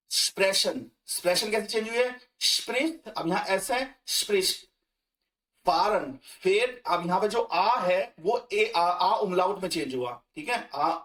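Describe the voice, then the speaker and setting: High-voiced man teaching German grammar. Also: fairly bright tone, recorded from a distance. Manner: conversational, repeats and restarts with fillers. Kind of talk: explaining German grammar in Hindi.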